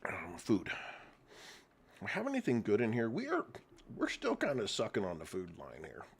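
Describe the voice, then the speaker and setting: A man's voice: fairly low pitch, wildly swooping pitch, moderate pace. Stuffy-nosed man chatting over gameplay. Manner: chatty, rambling, clears throat often. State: stuffy nose, eating while talking. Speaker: game streamer. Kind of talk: casual gameplay commentary.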